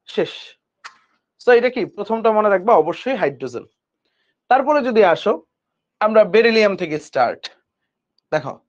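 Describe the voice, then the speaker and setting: A high-pitched man with a Dhaka Bengali accent leads an online chemistry lesson. He asks questions and has students repeat lists back to him. The audio is dull and lo-fi. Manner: quizzes students with call-and-response recitation. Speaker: chemistry tutor. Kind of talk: online admission-prep lecture.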